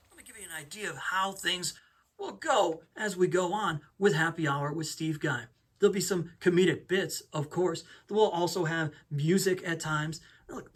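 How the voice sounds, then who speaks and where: A podcast host introduces his show and guest conversationally in an upbeat intro leading into an interview. His voice is high-pitched and a bit bright, with a breathy edge.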